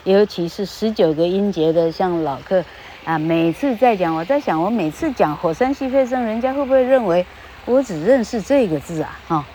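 With a mellow, animated mid-range voice at normal speed, a woman chats into a podcast microphone during a casual English pronunciation lesson. She tacks little fillers onto her sentences and lengthens the example words. There is a little hiss or hum on the low-quality recording.

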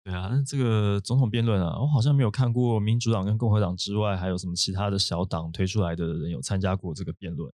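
A man with a somewhat low voice leads an English vocabulary lesson. He explains things at length, with fillers and little asides. His voice is recorded up close with no room sound. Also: fast talker, few pauses, darkish tone, dry recording. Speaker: podcast host.

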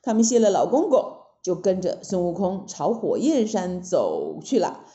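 A woman narrating a classic children's story in an animated, exclaiming way. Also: fairly low pitch, moderate pace, roomy sound, muffled recording.

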